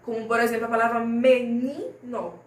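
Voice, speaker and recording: Speaking expressively in a patient, slightly high voice, a woman teaches young children in a recorded remote class as their primary school teacher. Example words are stretched out slowly and she checks in often, while the distant recording sounds roomy with a light hiss.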